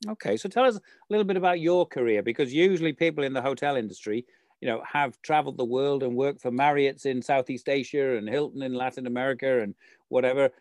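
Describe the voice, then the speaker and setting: A man with a medium-pitched voice hosts a conversational interview. He sounds dry and free of room echo, and asks chatty, meandering questions. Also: quick pace, a little mellow. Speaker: interviewer, local show host.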